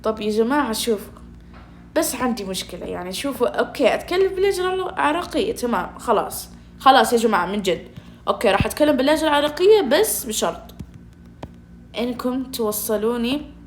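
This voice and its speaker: A woman gives loose, playful gaming commentary from home. Her voice sits a little high, and she teases and chats freely with her audience. Faint noise hums behind her. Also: lively intonation, quick pace. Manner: playful and teasing, chatty with viewers. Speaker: gaming streamer.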